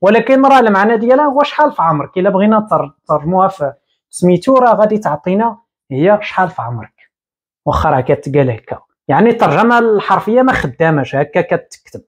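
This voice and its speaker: A man in his thirties with a Moroccan Arabic accent, teaching English at a whiteboard and repeating each word slowly. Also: high-pitched, expressive, husky. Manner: explains slowly, repeating words and drawing them out. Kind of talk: whiteboard lesson. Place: small room indoors at a whiteboard.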